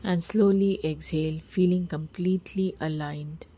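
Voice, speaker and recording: A woman guiding a meditation, speaking slowly and soothingly, sometimes in a soft whisper, close to the mic. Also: lowish voice, steady tone, slightly rough. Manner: slow, soothing, partly whispered. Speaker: meditation guide. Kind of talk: guided meditation.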